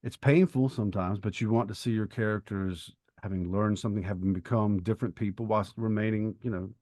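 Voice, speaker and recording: A middle-aged man, a writer and podcast co-host, chats casually in a bookish, opinionated way and explains things at length in a conversational discussion. His mellow voice is fairly low and quick, with fairly even intonation. The recording is studio quality with no echo.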